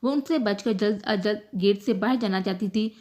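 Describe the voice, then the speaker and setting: A woman narrating a romantic novel aloud in an emotive, measured storytelling manner. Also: medium pitch, a little mellow. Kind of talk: scripted novel reading.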